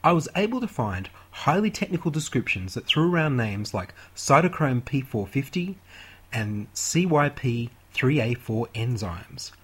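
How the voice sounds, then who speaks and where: A man presenting a scripted science explainer for radio, with a husky voice. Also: mid-range voice, big pitch swings, a little slow, fairly bright tone.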